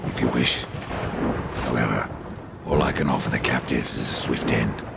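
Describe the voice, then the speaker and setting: A man playing Death in a video game, a grim, sardonic undead horseman who speaks tersely in a raspy voice. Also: moderate pace, heavy background noise, exaggerated voice. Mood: dry, sardonic. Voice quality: very deep gravelly rasp. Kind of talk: video game character acting.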